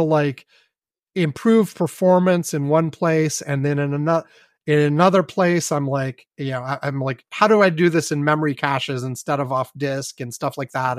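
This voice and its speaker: A man's voice: fairly high pitch, no echo, studio quality. A man co-hosting a casual podcast chat, rambling in a wry, self-mocking way and swearing offhandedly. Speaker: podcast co-host.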